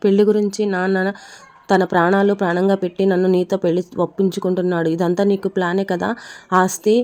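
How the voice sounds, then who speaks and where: A woman's voice: mid-range voice, level tone, brisk, a little mellow, natural voice. A woman reading the lines of a proud young businessman son, angry and accusing.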